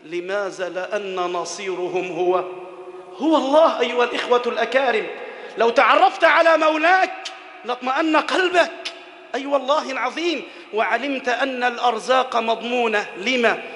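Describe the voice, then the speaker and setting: A man with an Egyptian Arabic accent delivers a Friday sermon in a strikingly high, bright and forceful voice. He repeats words for emphasis and moves between soft lowered passages, loud shouted climaxes and chanted scripture. The sound is roomy, with a long reverb tail as in a large mosque. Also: moderate pace. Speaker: preacher. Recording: echoey hall with long reverb.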